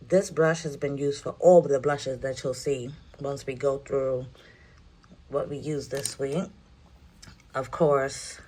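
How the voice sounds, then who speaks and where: A woman with a New York accent, chatting casually through a makeup vlog while sorting her brushes at home, her morning voice low. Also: slight background noise. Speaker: beauty vlogger. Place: home room.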